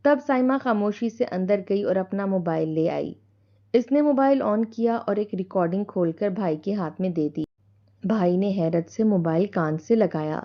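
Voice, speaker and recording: A woman narrating a scripted dramatic story in a steady, even reading voice. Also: mid-range voice, dull audio.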